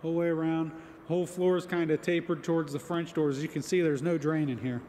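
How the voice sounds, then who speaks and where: A man with a slightly higher voice talks through his building site in a relaxed, matter-of-fact way, pausing on fillers as he goes. He is recorded outdoors on a handheld camera, with faint outdoor ambience behind him. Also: slight background noise. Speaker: homesteader vlogger. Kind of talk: casual walkthrough narration.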